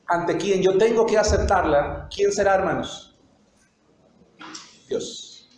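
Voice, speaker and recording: A man preaching a sermon as a pastor, asking questions and acting out short dialogues. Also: high voice. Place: church sanctuary. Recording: echoey church hall with faint noise.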